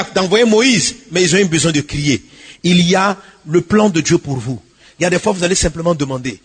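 Man, pastor, sermon, husky voice, high-pitched, swings from hushed pleading to shouting, long hall reverb.

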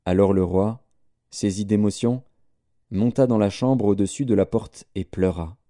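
Solemn man with a very dark voice. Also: lowish voice, dry recording, studio quality. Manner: measured, solemn. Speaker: scripture reader. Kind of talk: scripted Bible reading.

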